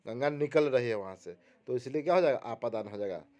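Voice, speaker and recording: A man's voice: mid-range voice, expressive, fast, a little mellow. A man teaching exam questions, reading each one out and explaining the answer, repeating key words and asking his listeners rhetorical questions. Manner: repetitive, asks the audience rhetorical questions.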